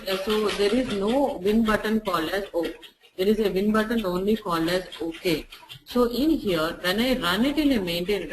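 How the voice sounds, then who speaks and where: A software testing instructor walks through a screen-share tutorial, repeating each step slowly so it is clear. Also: mid-range voice, background noise. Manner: repeats phrases slowly for clarity.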